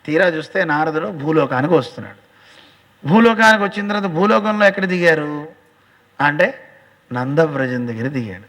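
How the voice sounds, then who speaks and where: Man, devotional storytelling sermon, fairly high voice, animated, long hall reverb. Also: moderate pace, long pauses. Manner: animated, acts out dialogue, addresses listeners directly. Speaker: religious teacher.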